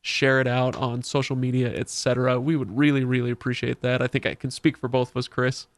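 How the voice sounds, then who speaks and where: A man's voice: medium pitch, level tone, fairly quick, no room sound. A man co-hosting a podcast, chatting casually and upbeat as he wraps up the show. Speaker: podcast co-host. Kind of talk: casual chat.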